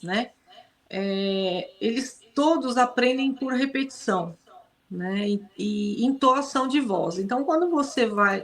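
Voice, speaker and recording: A woman's voice: mid-range voice, fairly bright tone. A woman from Brazil, a guest on a live stream, explaining dog care casually and often checking in with her listener. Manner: explanatory, uses many tag questions. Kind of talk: casual advice in a live interview.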